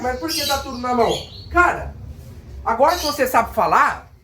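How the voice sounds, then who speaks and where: A high-pitched woman with a Brazilian Portuguese accent teaches in a relaxed, chatty way, slowing down to repeat each word so learners can copy it. She is recorded in a bare, echoey room, with birds chirping faintly outside. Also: slight background noise. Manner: repeats words slowly, drilling pronunciation. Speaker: English teacher. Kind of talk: casual online lesson.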